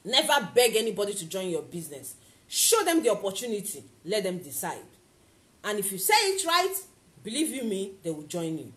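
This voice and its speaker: A woman coaching on network marketing in a motivational talk to camera, animated and acting out little scenes. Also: brisk. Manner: animated, acts out little scenes with big pitch jumps.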